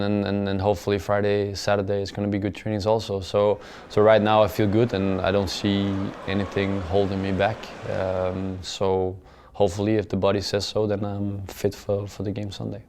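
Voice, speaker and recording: In a smooth, low, flat voice, a male footballer responds to post-match interview questions. His speech is halting and measured, full of repeated words and "uh" fillers, with each phrase softly trailing away.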